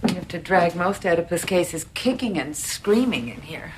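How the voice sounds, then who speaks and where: A woman playing a psychiatrist in a comedy series, blunt and clinical, with a deadpan delivery. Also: fairly low pitch, moderate pace, slight background noise, lightly acted. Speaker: psychiatrist giving an evaluation. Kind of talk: sitcom acting.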